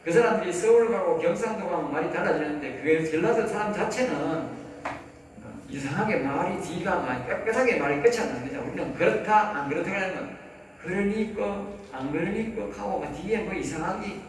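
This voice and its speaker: A man's voice: high-pitched, animated, fairly quick. A man with a Gyeongsang Korean accent, a pastor lecturing a seminary class. He talks emphatically, repeats key phrases and keeps checking that his listeners follow. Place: church lecture room. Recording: very echoey room, mic at a distance, faint background noise.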